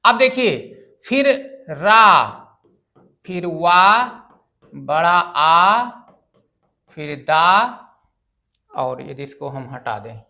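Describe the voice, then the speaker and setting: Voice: mid-range voice, lively intonation, extremely slow, long pauses, sharp tone. A grammar teacher giving an exam-prep lecture, asking questions and answering them, repeating phrases and spelling words out syllable by syllable.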